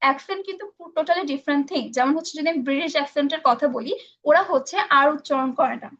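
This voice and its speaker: A woman's voice: sits high, fast talker, a bit bright. A woman instructor answering viewers' questions in a live online English class. She explains patiently, with many fillers, and mixes in English phrases. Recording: dull lo-fi stream audio.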